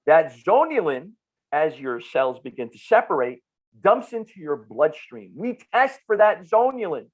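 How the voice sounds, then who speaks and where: Through narrow, tinny audio comes a slightly high, sing-song male voice at a slightly slow pace. The speaker is a middle-aged nutrition clinician from northern New Jersey, guesting on a podcast and explaining emphatically in a New Jersey accent, with repeated phrases and rhetorical questions.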